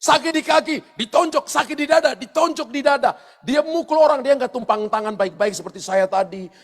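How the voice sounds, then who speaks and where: A man with a strikingly high voice preaches a sermon as pastor. He talks straight to the congregation and acts out stories with big, loud exclamations. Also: brisk. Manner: animated storytelling with loud exclamations; addresses the congregation directly and often. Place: church service.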